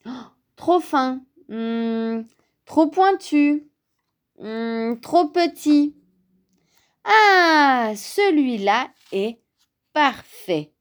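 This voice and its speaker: A woman voicing an eager, excitable little male bear cub in a storybook reading, with a high, impatient, squealing voice. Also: slow, heavily acted. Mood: picky.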